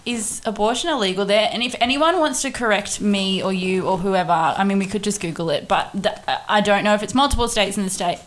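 A woman's voice: medium pitch, fairly quick, few pauses. A young woman from Australia co-hosting a podcast, talking candidly in casual chat and laughing often. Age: young adult. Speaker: podcast co-host.

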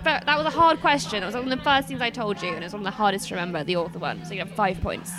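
A woman's voice: mid-range voice, racing. A woman co-hosting a casual podcast in a pub, playfully running a quiz and teasing her friend. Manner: playful, giggly, teasing quizmaster. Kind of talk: casual chat.

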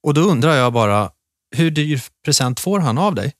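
A man's voice: a little high, lively intonation, no room sound. Chatty man with a dry close mic. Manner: chatty storyteller, many restarts. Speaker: podcast co-host. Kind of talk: casual chat.

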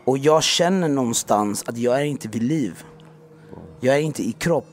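A man's voice: medium pitch, soft background music. Candid man in his thirties, slangy. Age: 30s. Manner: slangy, frank, animated retelling. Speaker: podcast guest. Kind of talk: casual candid storytelling.

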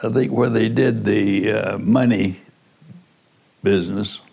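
An older man, a former prosecutor, recounting past events slowly and deliberately in an interview, often pausing to find his words. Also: lowish voice, fairly even intonation, gravelly, a little mellow. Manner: slow, deliberate, searching for words.

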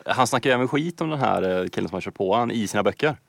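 A man co-hosting a live podcast in a relaxed, chatty way. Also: medium pitch, creaky. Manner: relaxed, chatty, laughs easily. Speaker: podcast co-host. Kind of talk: casual podcast chat.

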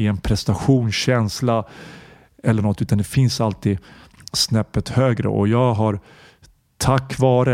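A man's voice: on the low side, darkish tone, no echo. A man hosting a podcast, talking earnestly and reflectively in a personal monologue and searching for his words. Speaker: podcast host.

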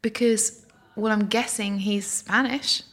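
Bright, rambling comic woman. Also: mid-range voice, fairly even intonation, slow. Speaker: co-host. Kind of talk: improvised comedy chat.

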